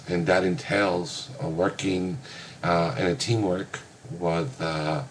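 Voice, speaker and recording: Slow, deep-voiced hesitant man. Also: a little hiss or hum. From United States (Hawaii). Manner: hesitant, many filler sounds. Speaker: graduate student. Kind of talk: recorded class reflection talk.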